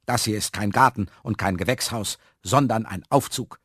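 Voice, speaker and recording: A man's voice: fairly low pitch, moderate pace, a bit bright, husky, dry recording, clean studio sound. A man voicing a stern, officious building caretaker in a storybook reading.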